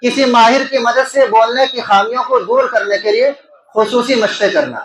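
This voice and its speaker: A man with a strikingly high voice leads an exam-prep lesson in a classroom full of students. He talks loudly over the room and keeps asking the class whether they follow. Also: poor audio. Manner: checks in with the class, often asking "right?". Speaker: teacher.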